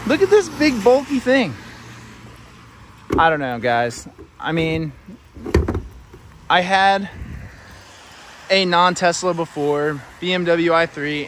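This road trip vlog features a young man in his twenties narrating casually and explaining what he's doing as he films in the car at night, then out in the rain at a charging station. His voice is on the high side and a bit bright, with slight background noise.

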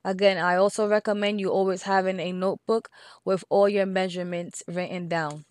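A woman's voice: medium pitch, steady tone, darkish tone, no room sound. Woman with a Spanish accent, dry and close. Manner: patient, repeats steps and numbers slowly. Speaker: craft tutorial host. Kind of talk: step-by-step software tutorial.

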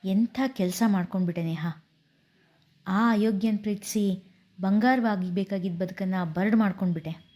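A woman voicing a hurt young husband who speaks in a low, restrained voice. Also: normal speed, darkish tone, close to an everyday voice. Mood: sorrowful.

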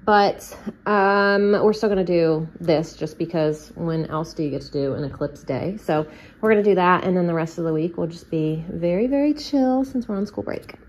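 In a noisy home kitchen with clicking in the background, a homemaking vlogger in her thirties narrates casually and thinks aloud while cooking. Her voice sits lowish, with a darkish tone and a moderate pace.

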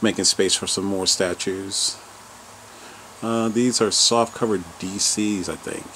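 Low slow-talking man touring his basement. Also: steady tone, bright, forceful tone, a little hiss or hum, poor audio. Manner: rambling item-by-item listing with fillers. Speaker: collector giving a home tour. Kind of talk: casual vlog tour narration. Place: home basement.

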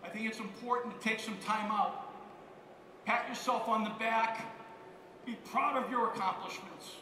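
A man's voice: sits high, fairly even intonation, moderate pace, sharp tone, slight background noise. A man giving an emphatic motivational keynote on a conference stage, repeating key phrases. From United States. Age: 50s. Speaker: keynote speaker. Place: large conference hall on stage. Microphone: headset mic. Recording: roomy hall reverb, heard from far off.

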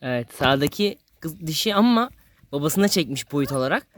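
A companion in casual chat, calmly commenting on the puppies. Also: medium pitch, brisk.

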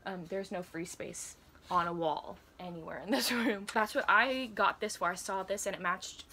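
Filming in a cluttered bedroom full of bookcases, a woman in her 20s talks about reading, chatty and giggly with frequent laughs and fillers. Her medium-pitched, sharp voice moves at a normal pace, with a little hiss or hum in the background.

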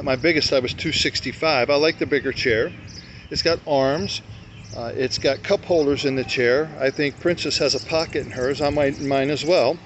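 An older man casually showing his camping gear to camera at a grassy campsite, talking in a folksy, rambling way and correcting himself as he goes. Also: fairly high pitch. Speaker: motorcycle camping vlogger. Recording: dull lo-fi outdoor sound with faint noise.

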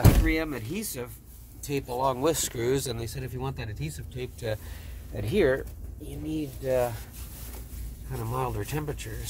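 A man's voice: medium pitch, a little mellow. A man reviewing a car wash from the driver's seat of his van, musing aloud with many fillers. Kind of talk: casual vlog commentary. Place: inside a van going through a car wash. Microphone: phone camera in the driver's seat. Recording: noisy car wash recording.

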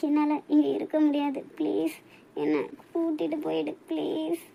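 A lonely young bride with a Kanyakumari Tamil accent, voiced by a woman pleads with her husband in a homemade cartoon. The voice sits high and mellow, soft and a little tearful. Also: flat delivery, normal speed. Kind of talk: hobby cartoon voice acting.

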